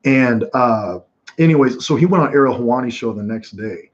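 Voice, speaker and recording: A man hosting casual live fight commentary from home, telling stories in a rambling, animated way with many restarts. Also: mid-range voice, moderate pace. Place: home room watching fights. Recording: dull lo-fi sound.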